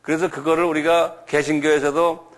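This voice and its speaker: A man giving a church lecture, slowly spelling out and repeating foreign names and often asking his listeners questions. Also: fairly high pitch, little pitch movement. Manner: slow, repetitive, asks the audience questions. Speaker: lecturer on creationism.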